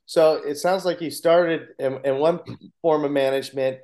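A man interviewing a guest, summarizing and asking relaxed follow-up questions. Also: on the high side, moderate pace.

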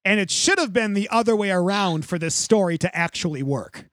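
A man's voice: sits high, expressive, fairly bright tone, no room sound, clean studio sound. A man hosting a podcast, chatting about a movie and laughing often, then leading the ratings segment. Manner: quick to laugh, runs the segment. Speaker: podcast host. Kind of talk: casual movie discussion.

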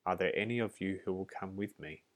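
A man's voice: low-pitched, steady tone, a little fast, natural voice. A man voicing a proud, wicked female queen bee in a storybook, speaking in a haughty, indignant way.

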